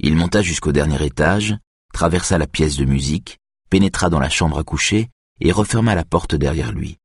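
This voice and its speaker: A man narrating a novel in a measured, somber way. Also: very deep voice, husky, dry recording, clean studio sound. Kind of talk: audiobook narration.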